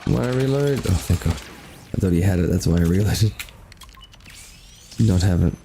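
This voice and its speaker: Low gravelly-voiced man gaming. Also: fairly even intonation, normal speed, mellow, a little hiss or hum. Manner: joking, rambling, mock impressions. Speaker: streamer. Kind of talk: casual gaming commentary.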